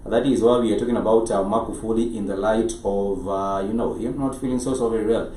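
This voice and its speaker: A man with a Kenyan accent hosting a live show, speaking in a halting way and often rephrasing himself. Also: fairly low pitch, fairly even intonation, warm tone. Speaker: show host. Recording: echoey, noisy room, distant mic.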